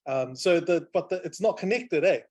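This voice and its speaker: A man's voice: sits high, normal speed. A man moderating a video call, talking casually and hesitantly with many fillers. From New Zealand. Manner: relaxed, hesitant with many ums.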